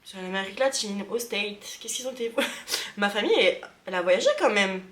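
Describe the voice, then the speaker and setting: A woman from Lorraine in France talking casually to her viewers as a vlogger, chatty and excitable, thinking aloud with many fillers as she reacts. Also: mid-range voice, a little fast, reverberant. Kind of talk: casual vlog reacting to results.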